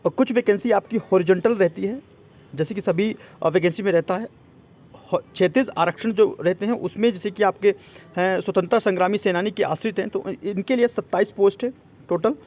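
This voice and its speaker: An exam coaching presenter explains a job notice informally, his high, darkish voice moving briskly. He mixes in English words and keeps checking that listeners are following.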